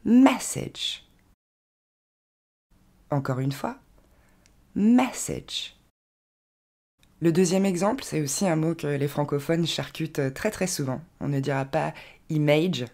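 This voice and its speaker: A woman teaching an English pronunciation lesson in French, explaining patiently and slowing down to demonstrate words carefully. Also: low-pitched, darkish tone.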